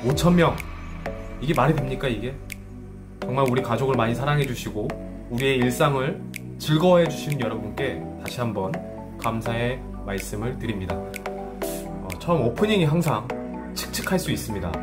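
A man's voice: mid-range voice, expressive, normal speed, music in the background. A father hosting a family vlog from his living room at home, chatting casually and talking playfully to his toddler. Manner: playful, talks sing-song to his toddler.

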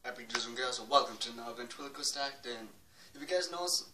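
A man's voice: mid-range voice, fast, sharp tone. A teenage man, slightly under the weather, chatting casually to camera as an amateur ventriloquist and host. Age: teens. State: a bit sick. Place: bedroom, indoors. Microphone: webcam at arm's length or more. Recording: noisy, echoey room, distant webcam mic.

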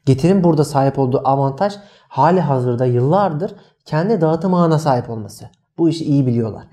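A man co-hosting a casual marketing podcast, talking in an animated, emphatic way. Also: fairly high pitch, brisk. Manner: animated, emphatic, addresses co-host by name. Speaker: podcast co-host.

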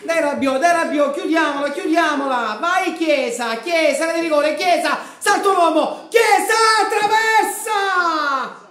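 A football fan streamer in his thirties reacts live to a match from his living room with a grey sofa, shouting at goals, chanting players' names and pumping his fists. His voice is extremely high and slow, picked up by a fixed camera at desk distance in an echoey room.

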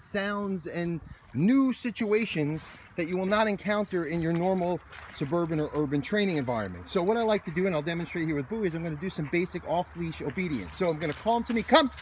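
This American-accented man has a high-pitched voice, with slight background noise. He's a dog trainer walking his dog on a hiking trail, explaining obedience steps and calling out commands in an outdoor demonstration.

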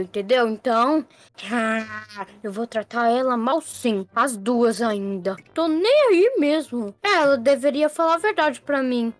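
A woman's voice: a little high, a bit bright, dry recording. A woman voicing a sulky, rebellious boy in a Roblox role-play story, grumbling and dismissive. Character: sulky rebellious boy who learns he is adopted.

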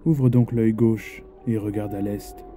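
A man voicing a sinister, supernatural tall gentleman who speaks in a smooth, measured, quietly menacing way. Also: on the low side, fairly even intonation, soft background music.

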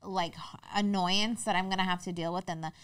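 A woman's voice: on the low side, fairly even intonation, distant mic, over a noisy crowd. A woman co-hosting a podcast in casual, chatty talk. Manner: quick, chatty. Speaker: podcast co-host. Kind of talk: casual chat.

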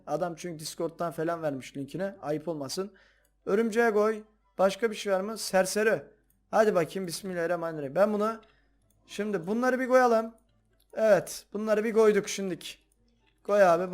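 A man hosting a game video, chatting casually and excitably to his viewers as he plays. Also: high voice. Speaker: gaming video host. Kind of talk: casual gameplay commentary.

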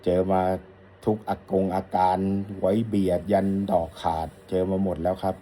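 A middle-aged man with a deep, very dark and mellow voice talks casually as an audio shop owner. He rambles in a friendly, polite way while answering a customer's question, with a faint noise under the recording. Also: flat delivery, normal speed. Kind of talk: casual talk to camera.

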